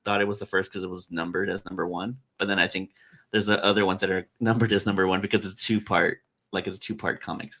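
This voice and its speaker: A man's voice: sits low, fast. A man co-hosting a podcast, chatting casually and hesitantly with lots of ums. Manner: relaxed, hesitant with many ums. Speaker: podcast co-host. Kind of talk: casual chat.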